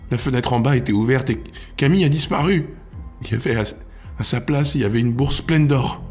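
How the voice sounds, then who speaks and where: A man's voice: mid-range voice, fast talker, soft background music, voice pushed up, natural voice. A man voicing a panicked young mother who begs breathlessly for help. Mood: pleading. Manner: frantic, pleading, breathless.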